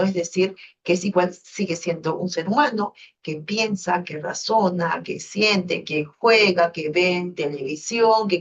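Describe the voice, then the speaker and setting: Woman giving gentle advice, distant and muffled. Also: lowish voice. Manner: gentle, reassuring advice with frequent pauses. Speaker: teacher. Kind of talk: counseling a student in an online class.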